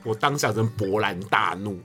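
A young man with a Taiwanese Mandarin accent, co-hosting a casual chat podcast and telling stories in an animated way, acting out arguments. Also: on the low side, normal speed, husky, soft background music. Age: young adult. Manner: animated storyteller, acts out quarrels loudly. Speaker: podcast co-host.

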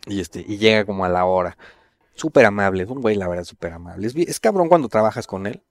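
A middle-aged man with a Mexican accent, casually telling stories as an interview guest, full of slang and swearing, animated when he quotes others. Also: fairly low pitch, fast. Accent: Mexican Spanish.

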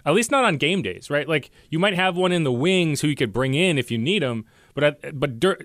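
A man's voice: a little high, expressive, brisk, fairly bright tone, no echo, clean studio sound. A man hosting a sports podcast, breaking down players in a chatty, analytical way and often checking in with "right?". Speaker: podcast host. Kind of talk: casual sports talk.

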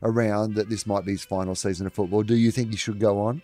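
A man co-hosting a comedy sports podcast in casual, animated chat, swearing freely and laughing often. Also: fairly low pitch, fast talker, no echo, faint music behind. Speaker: podcast co-host.

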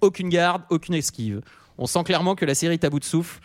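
A man's voice: fairly high pitch, fast talker, dry recording. A man co-hosting a podcast, reading viewer reviews aloud in a jokey, self-deprecating way and laughing often. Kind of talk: casual chat.

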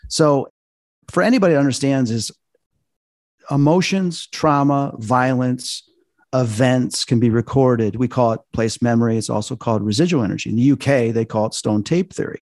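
A man's voice: medium pitch, normal speed, a little mellow, dry recording, studio quality. A man telling earnest stories in a casual podcast chat, walking through paranormal theories at length. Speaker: paranormal investigator guest.

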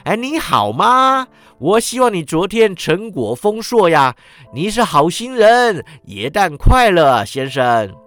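A man's voice: high-pitched, big pitch swings, slow, a bit bright, no room sound, pitched above the performer's own voice, exaggerated voice. A man voicing a giddy, reformed old miser who exclaims breathlessly with delight in a storybook reading. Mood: joyful.

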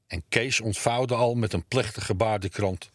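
A man narrating a children's book as scripted narration, in a measured, even storytelling manner. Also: on the low side, dry recording, clean studio sound. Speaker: audiobook narrator.

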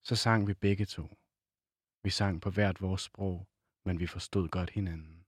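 A man, an author, reads a passage from his novel in a slow, measured voice, then talks about it casually as a guest. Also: deep voice, fairly even intonation, husky, no room sound, clean studio sound. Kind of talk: literary reading, then casual conversation. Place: in Copenhagen.

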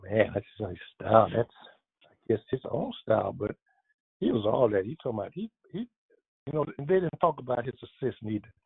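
A man in his seventies, a former pro basketball player, reminiscing in a casual interview, rambling with many restarts, with a husky voice. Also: fairly low pitch, big pitch swings, a little fast, no room sound. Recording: tinny phone line.

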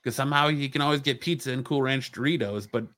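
A man's voice: medium pitch, fast, a bit bright. A man cohosting a podcast, chatting casually and rambling a little as he searches for words in a movie review. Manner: rambling, searches for words, frequent "you know".

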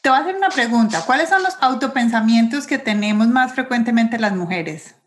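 Higher-pitched woman interviewer, candid and casual. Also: expressive, brisk. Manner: candid, shares own experience.

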